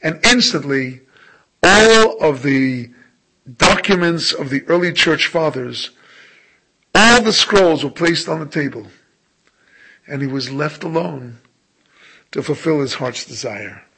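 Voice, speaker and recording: A rabbi delivers a sermon at a very unhurried pace, stressing key words and letting his sentences fade gently at the end. His voice is bright and somewhat raised in pitch, with a husky grain. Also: animated, rough recording. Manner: slow, emphatic, drops to soft phrase endings.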